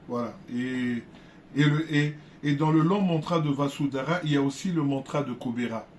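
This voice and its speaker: A man teaching viewers in a casual, unhurried way, often repeating words and restarting his sentences. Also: mid-range voice, a little mellow, a little hiss or hum. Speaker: spiritual teacher.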